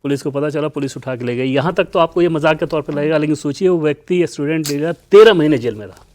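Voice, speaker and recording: A man's voice: on the high side, quick pace, a little mellow. A man anchoring a studio discussion, conversationally retelling anecdotes. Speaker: news anchor.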